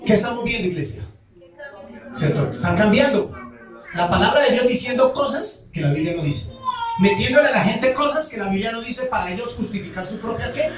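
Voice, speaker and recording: A man's voice: very high-pitched, animated, fairly quick, music in the background. A male pastor preaching a call-and-response sermon, asking the congregation questions and answering them himself. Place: church sanctuary. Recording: echoey church hall from far off.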